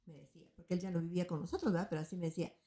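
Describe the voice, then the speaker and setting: A woman with a low-leaning, steady, mellow voice talks very fast as she delivers earnest, sermon-like teaching. Her words echo around the room, and she keeps asking listeners "right?"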